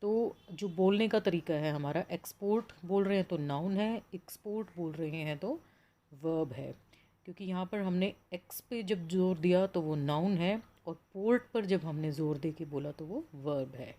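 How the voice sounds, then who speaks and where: A young woman with an Indian accent teaches English pronunciation in an online lesson. She reads English lines slowly, then explains them patiently in Hindi. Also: lowish voice, dark tone. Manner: patient, explanatory, addresses students as children.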